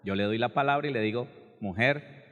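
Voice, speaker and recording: Pastor preaching in a hall. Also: male voice, mid-range voice, racing, highs cut off. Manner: conversational, animated, acts out quoted people. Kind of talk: sermon.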